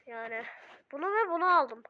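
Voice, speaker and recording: A woman who is sick and coughing, giving excitable, sarcastic casual commentary while playing a mobile game. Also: high voice, normal speed, narrow, tinny audio, a little hiss or hum. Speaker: gamer streamer.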